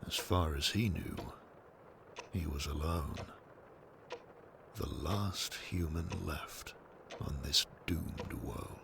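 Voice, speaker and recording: A gravelly-voiced man reads scripted storybook narration for an audio drama at a slow, measured pace. His voice rumbles low, and the background is noisy.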